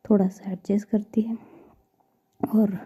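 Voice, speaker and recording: A woman storyteller narrating a romance story in a soft, often half-whispered way. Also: medium pitch, level tone, slow, husky.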